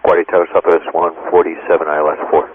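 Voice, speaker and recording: A man's voice: low-pitched, flat delivery, fast talker. A man speaking as an airline pilot over a cockpit headset radio, making clipped, procedural calls. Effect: aircraft radio transmission. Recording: tinny narrowband cockpit radio, faint static.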